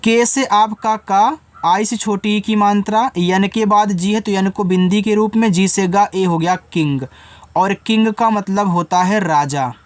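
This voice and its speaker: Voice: mid-range voice, a little slow, dry recording. A teacher giving a spelling lesson, sounding out English words letter by letter, explaining each step and asking students questions.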